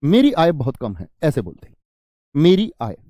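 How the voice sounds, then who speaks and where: A man's voice: on the high side, wildly swooping pitch, normal speed, mellow, dry recording, studio quality. A man teaching an exam-prep grammar lesson, who asks his students questions, answers them himself and repeats key phrases.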